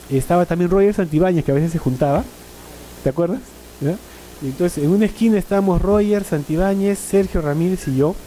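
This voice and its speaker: Mellow middle-aged man telling stories. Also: a little high, a little hiss or hum, rough recording. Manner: rambling storyteller, frequent "¿no?" and "este" fillers. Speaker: panel speaker. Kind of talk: anecdotal reminiscence at a panel.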